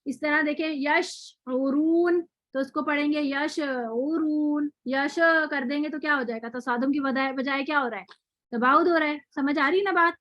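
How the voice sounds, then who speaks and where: A woman teaching a tajweed lecture, explaining patiently, repeating example words slowly, with frequent fillers and self-corrections. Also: high voice, dry recording, lo-fi sound. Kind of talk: online lecture with recap.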